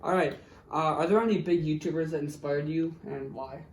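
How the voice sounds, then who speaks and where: A man's voice: a little high, fairly quick, a little mellow. A man acting as interviewer, reading out prepared questions in a casual way. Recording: echoey room with background noise.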